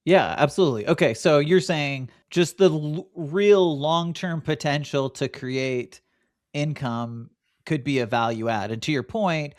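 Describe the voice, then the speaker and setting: A man's voice: on the high side, no room sound, clean studio sound. A man hosting a podcast, steering the discussion and affirming his co-host's points in a conversational way. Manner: guiding, affirming, quick back-and-forth. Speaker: podcast host.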